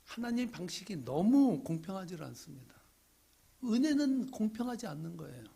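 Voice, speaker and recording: A middle-aged male pastor preaching a sermon, swinging from loud pleading questions to hushed asides. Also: high-pitched, big pitch swings, normal speed, vocal fry, breathy edge.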